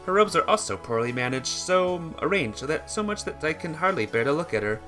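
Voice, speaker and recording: Faint soft music sits under this amateur visual novel read-aloud by a man whose voice is bright and slightly high. He speaks a little fast with lively intonation, occasionally tripping over words and going back to reread phrases.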